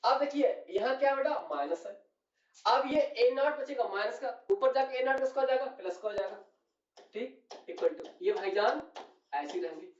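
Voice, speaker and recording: A man's voice: very high voice, animated, normal speed, far from the mic. Man, chemistry lecture, echoey classroom, dull lo-fi sound. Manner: addresses students as "beta", keeps asking "clear?". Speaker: chemistry teacher.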